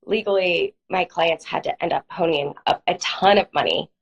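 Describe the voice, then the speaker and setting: Woman lawyer, guest on a live stream, has a cold, clears her throat, explains step by step with fillers. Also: on the low side, moderate pace, dull audio. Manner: plain explanatory, uses hedging fillers. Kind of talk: live interview, explaining legal steps. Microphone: online video stream.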